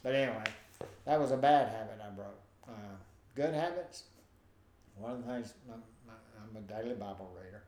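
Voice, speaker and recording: An older man with a nasal, lowish voice tells stories as a guest in a conversation, speaking at a moderate pace. He's animated and acts out the voices he quotes. The recording sounds roomy, with faint ambience and a slight hiss or hum.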